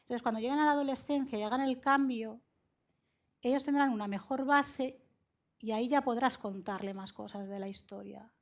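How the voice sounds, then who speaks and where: A woman psychologist answering interview questions in a measured, explanatory way, often laughing, from Spain. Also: fairly high pitch. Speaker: psychologist guest.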